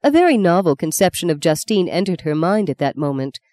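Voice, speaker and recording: A woman narrating a novel in a calm, even reading voice. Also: lowish voice, fairly quick. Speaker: audiobook narrator. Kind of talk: scripted narration.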